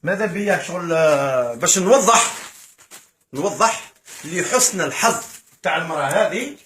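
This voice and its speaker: At a moderate pace and on the high side, a man with an Algerian Arabic accent films a charity visit and talks straight to the camera. He's eager, grateful to the donors, and comments on what he's showing; the room is echoey with faint noise.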